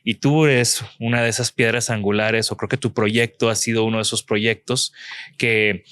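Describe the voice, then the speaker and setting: A man hosting a podcast interview, talking in a relaxed, rambling way with frequent restarts. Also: on the low side, moderate pace, clean tone, no room sound. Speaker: podcast host. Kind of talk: casual interview chat. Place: museum house-studio.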